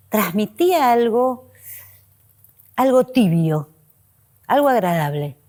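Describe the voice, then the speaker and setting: A woman hosting a reflective spiritual talk, speaking in pausing, list-like phrases that often drop softly in pitch. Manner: slow, pausing, list-like delivery with soft drops in pitch. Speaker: host.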